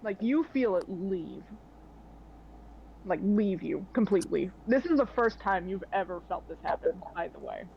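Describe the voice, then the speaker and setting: A woman's voice: mid-range voice, lively intonation, moderate pace, creaky. A woman narrating a tabletop game as game master in a casual, chatty way, on a slightly dull recording with faint noise. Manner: casual, chatty, filler-heavy.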